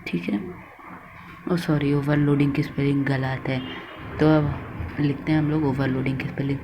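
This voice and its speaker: A man's voice: medium pitch, fairly even intonation, moderate pace, background noise. A man teaching a lesson, dictating notes to students word by word and correcting his own slips. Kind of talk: slow classroom lesson.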